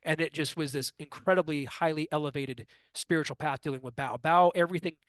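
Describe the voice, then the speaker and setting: Higher-voiced man telling a story. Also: a little fast, dry recording. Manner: animated anecdotal storyteller who acts out quoted dialogue. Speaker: interview guest, astrologer. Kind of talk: conversational storytelling in an interview.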